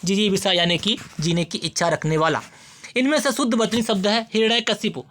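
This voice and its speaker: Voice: mid-range voice, fairly quick, a bit bright, slight background noise. A teacher giving an exam-prep spelling lesson who addresses students directly and repeats each word several times while explaining.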